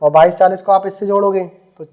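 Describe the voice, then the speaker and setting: A man teaching maths to a classroom of students, checking their sums, teasing them and dictating questions slowly with many repeats. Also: high-pitched, fairly even intonation, a little mellow. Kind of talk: classroom lecture.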